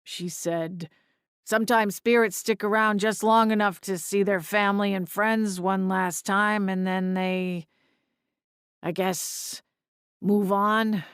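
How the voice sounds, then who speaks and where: A woman voicing a forlorn, bewildered man's ghost with halting delivery in an audiobook. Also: medium pitch, steady tone, a bit bright, clean tone, no room sound, clean studio sound. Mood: bewildered, subdued. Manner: hesitant, halting. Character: bewildered, forlorn male ghost of a funeral worker. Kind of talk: audiobook character voice.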